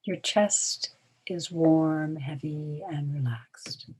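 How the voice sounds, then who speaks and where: The speaker, a woman acting as meditation guide, leads a relaxation in a hushed, soothing style with long pauses between brief phrases. Her low-pitched, breathy voice trails toward a whisper with fairly even intonation, captured on poor audio.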